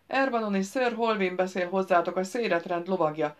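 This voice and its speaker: A woman shouting as a stern knight. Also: mid-range voice, lightly acted. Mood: commanding. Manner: shouting orders from outside. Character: stern male crusading knight, commanding.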